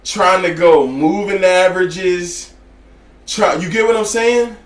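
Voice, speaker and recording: Man, fairly high voice, blunt profane trading talk, slangy, echoey room. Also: slow. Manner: blunt, slangy, repeats "you get what I'm saying". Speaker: trading educator.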